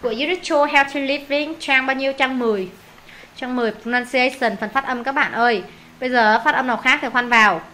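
A woman teacher with a Vietnamese accent, running an English pronunciation lesson and repeating words slowly for pupils to echo. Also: high voice, bright, forceful tone.

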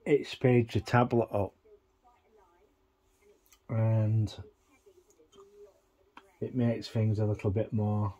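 A man vlogging a casual tech walkthrough, thinking aloud in a halting, rambling way. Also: on the low side, warm tone, lo-fi sound.

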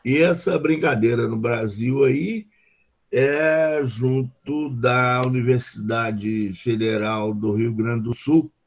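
A man's voice: medium pitch, a little mellow, highs cut off. An older man with a Brazilian Portuguese accent, a professor adding remarks on a video call, talking in a rambling way with many restarts. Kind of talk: casual online lecture discussion. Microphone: webcam on video call.

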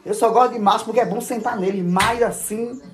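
A man's voice: sits high, fairly even intonation, fairly quick. A man in a casual phone story, talking straight to his viewers in a campy, dramatic, exclamatory way. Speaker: social media influencer.

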